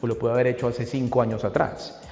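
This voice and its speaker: A man teaching an English grammar lesson in Spanish, lively and often checking in with his students. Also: medium pitch, fast talker, soft background music. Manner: animated, repeats checks with students. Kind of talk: classroom grammar explanation. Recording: echoey room with long reverb.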